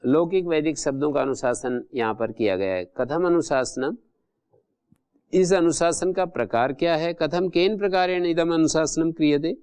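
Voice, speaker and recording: A man's voice: fairly high pitch, normal speed, darkish tone, clean tone. A man teaching a Sanskrit grammar lesson, methodically repeating and glossing each term. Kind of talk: classroom lecture explaining grammar rules.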